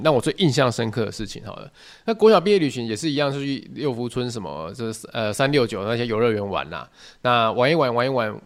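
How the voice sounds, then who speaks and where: A man hosting a solo podcast, telling stories in an animated, joking, mock-outraged way. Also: medium pitch. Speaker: podcast host.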